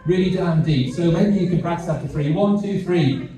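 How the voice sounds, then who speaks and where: The voice is high and dark-toned, with a little hiss or hum in the audio. A middle-aged British charity CEO delivers a light-hearted fundraiser speech in a large hall, stumbling, repeating words, and mocking himself. Echo fills the room and the mic is heard at a distance.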